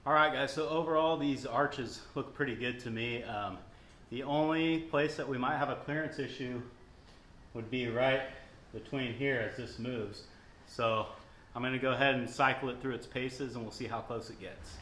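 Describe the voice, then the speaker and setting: A man's voice: medium pitch, normal speed, fairly bright tone. A man who ranches and welds, explaining a shop project step by step in a casual how-to vlog. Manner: plain explaining, walks through each step. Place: workshop. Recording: echoey shop with faint noise.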